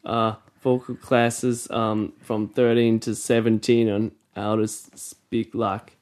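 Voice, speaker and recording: A man's voice: fairly low pitch, flat delivery, slow pace, a little mellow, pitched below the performer's own voice. A man playing an awkward wannabe gangster rapper from South Australia in an improvised comedy podcast bit. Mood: sheepish. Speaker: guest playing a fake rapper.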